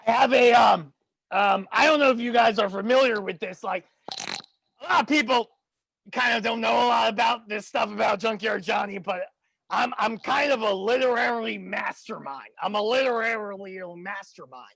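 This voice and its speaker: Man putting on gravelly sleazy wrestler. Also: high voice, normal speed, fairly bright tone, dry recording, heavily acted, low-quality recording. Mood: boastful rambling. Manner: rowdy, crude, rambling and stammering. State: tipsy from shots. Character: crude drunken sleazy male wrestler persona.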